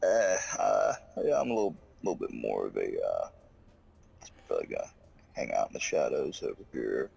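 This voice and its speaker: A laid-back man chatting on a game stream, halting, with many fillers. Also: very deep voice, sing-song, creaky, darkish tone, husky. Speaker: friend on the stream. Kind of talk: casual chat.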